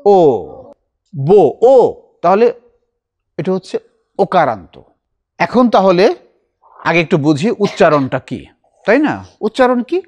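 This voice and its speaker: A man's voice: sits high, very animated, a little mellow, muffled recording. Bengali recitation teacher quizzing his class. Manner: explains slowly, asks the class questions.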